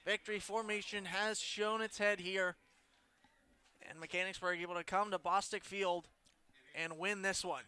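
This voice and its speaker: A young man giving play-by-play commentary on a high school football game, rising to excited calls on big plays. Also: moderate pace, clean tone, no echo. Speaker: play-by-play announcer.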